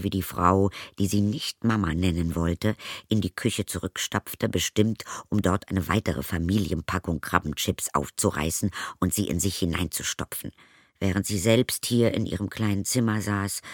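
A man with a very low voice narrates a children's story, lively and expressive, and speaks to the young listeners directly. The recording is dry, with no room sound. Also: husky, no room sound. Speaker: audiobook narrator.

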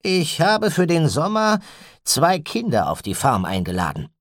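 A man voicing an irritable, harried male farm owner who talks curtly and sounds strained and rough in an audiobook story. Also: on the high side, huge pitch swings, no echo, studio quality, pitched above the performer's own voice, exaggerated voice. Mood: irritated. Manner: quick-tempered and curt.

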